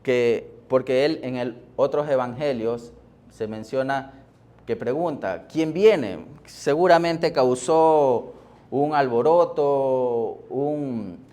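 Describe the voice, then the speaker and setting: Slow, deliberate male preacher. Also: medium pitch, dark tone. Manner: deliberate preaching with pauses and fillers, rising on key words. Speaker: pastor. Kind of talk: sermon. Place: church.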